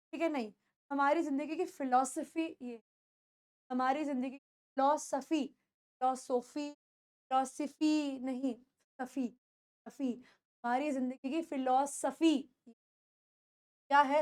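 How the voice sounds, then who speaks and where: A woman teaches pronunciation in a classroom lesson, her voice high and her pace unhurried. She says each word again and again and keeps checking whether her students have understood. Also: a bit bright. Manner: drills words by repeating them and asks students checking questions.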